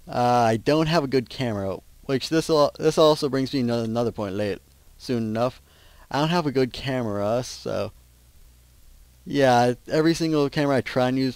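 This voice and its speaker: A teenage guy talks through a game at a middle pitch, rambling and cutting himself off mid-thought. His voice sits close and dry on a gaming mic, with no room sound around it. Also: a little mellow, clean tone, no echo. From Minnesota. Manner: rambling, self-interrupting, chatty. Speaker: gaming channel host. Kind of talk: casual gameplay commentary.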